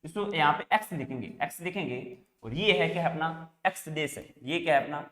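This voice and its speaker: A man's voice: fairly high pitch, lively intonation, a little fast, a bit bright. A male teacher giving a math lesson, asking questions and answering them himself over and over. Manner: repetitive call-and-response questioning. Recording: echoey room.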